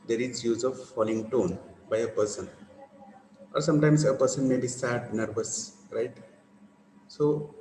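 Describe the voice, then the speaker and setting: A man's voice: medium pitch, warm tone, slight background noise. Echoey male teacher lecturing a class. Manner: repetitive, asks for confirmation.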